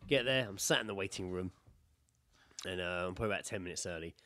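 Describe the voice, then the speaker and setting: In a dry recording, a low-voiced British man talks quickly as a podcast co-host. He's a casual, animated storyteller who swears a lot and acts out the things people said in his anecdotes.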